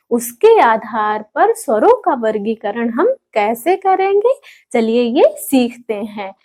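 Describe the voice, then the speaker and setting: Slow, high-voiced woman teaching Hindi. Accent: Indian Hindi. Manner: patient, repeats terms and asks rhetorical questions. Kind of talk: online grammar lesson.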